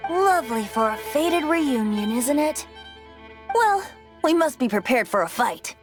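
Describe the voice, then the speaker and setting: A woman's voice: sits high, big pitch swings, unhurried, over music. A woman voicing a youthful boy bard, theatrical and lilting, in an anime-style video game. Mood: breezy. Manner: breezy, lilting, self-dramatizing.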